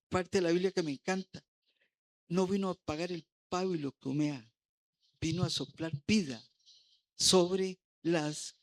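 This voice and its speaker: A male pastor delivers a sermon with a fairly high voice. He builds his points through repeated parallel phrases in a rhythmic, emphatic preacher's cadence.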